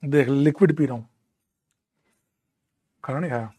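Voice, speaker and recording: A man's voice: mid-range voice, moderate pace, warm tone. A young man teaching a live online class from a room at home, chatty and teasing as he answers students. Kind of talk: casual live class banter.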